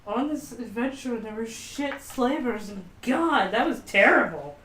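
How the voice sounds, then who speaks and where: Woman as a groggy young clan leader, flustered, bright tone, echoey room. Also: fairly high pitch, animated, measured pace. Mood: bewildered. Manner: sleepy, flustered, sarcastic. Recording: roomy, distant mic, faint hiss.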